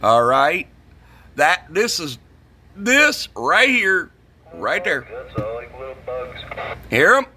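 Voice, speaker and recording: A middle-aged CB radio shop vlogger from the northern United States delivers a casual, opinionated rant about his trade, blunt and profane, repeating himself for emphasis. His husky voice sits high and sounds sing-song, pushed and bright. He speaks extremely slowly with long pauses.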